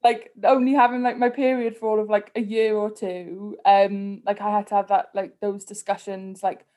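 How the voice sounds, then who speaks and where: Woman, Cardiff Welsh accent, mid-pitched, casual podcast guest, candid, conversational, frequent "like". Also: level tone, normal speed, dark tone. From Cardiff, Wales. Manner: candid, conversational, heavy use of "like". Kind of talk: casual personal interview chat.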